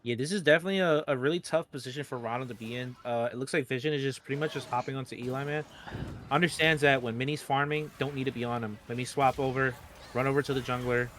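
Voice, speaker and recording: Fast-talking male esports co-caster. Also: medium pitch, fairly even intonation, a bit bright, a little hiss or hum. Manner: quick, conversational analysis. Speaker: esports color commentator. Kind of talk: game analysis commentary.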